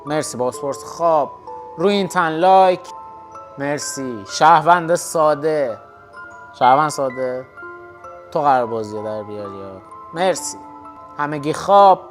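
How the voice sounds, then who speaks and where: A man acting as narrator, moderating a social deduction game with brisk announcements. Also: fairly high pitch, faint music behind.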